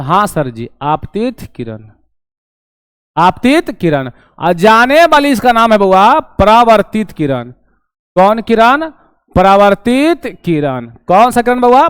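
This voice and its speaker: High-voiced man teaching. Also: clean tone, no echo, clean studio sound. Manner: animated, voices students' questions. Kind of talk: online class lesson.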